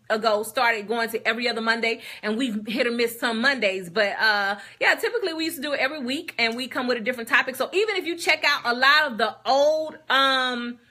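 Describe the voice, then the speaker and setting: High, bright-voiced woman preaching on marriage. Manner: animated, laughs often. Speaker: co-host of a marriage show. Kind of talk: faith-based marriage talk. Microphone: live stream.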